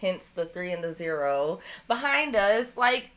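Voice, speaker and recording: Woman, 30s, podcast host, chatty and slangy, bright and animated delivery. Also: fairly low pitch, measured pace. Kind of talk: casual chat.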